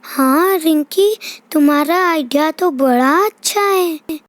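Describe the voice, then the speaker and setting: A woman voicing a chatty, bossy young girl in a toy doll play, in a slow sing-song childlike way. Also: high-pitched, no echo.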